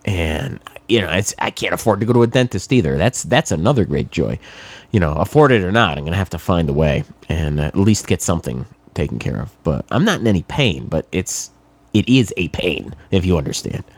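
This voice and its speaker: A man's voice: low-pitched, expressive, fairly quick, breathy edge. A middle-aged man from New England with a cold, talking casually and wryly sarcastic in a rambling monologue with many fillers. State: has a cold, congested.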